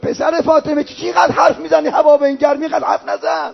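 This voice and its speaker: A man's voice: very high voice, gravelly, pitched above the performer's own voice. A male preacher voicing a brutal enemy warrior who taunts with scorn. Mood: taunting. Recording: dull lo-fi recording, faint music.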